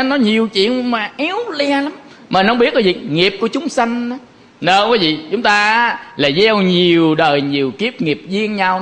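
A man with a Southern Vietnamese accent giving a Buddhist dharma talk in a folksy, animated way, acting out little quoted exchanges. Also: high voice. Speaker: Buddhist monk teaching.

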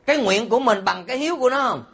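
A man, a Buddhist monk preaching a sermon. He is animated and teasing, and often puts rhetorical questions to his listeners. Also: very high voice, very fast. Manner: teasing and humorous.

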